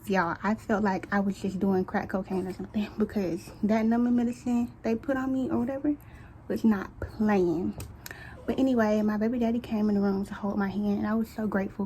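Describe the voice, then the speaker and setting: A woman in her late teens telling a casual storytime to camera at home, chatty and candid, talking straight to her viewers with quick colloquial asides. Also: medium pitch, a little mellow, a little hiss or hum, low-quality recording. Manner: chatty, addresses viewers as y'all. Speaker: vlogger. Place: at home, baby nearby.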